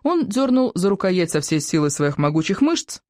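A woman reading a children's adventure book aloud, playful and animated, her pitch rising and falling widely. The voice is recorded dry and close. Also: moderate pace, dry recording. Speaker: audiobook narrator. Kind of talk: expressive audiobook narration.

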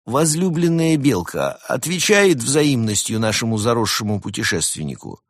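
A man's voice: moderate pace, no room sound, clean studio sound. A man voicing a fussy, reluctant male koala spy in a storybook reading. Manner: higher and more excited than the narration.

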